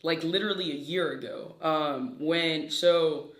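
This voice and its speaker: A man's voice: fairly high pitch, a little slow, a bit bright. A man in his twenties from Peru, a guest in a casual interview, talking in a hyper, brash way and swearing freely. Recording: echoey room.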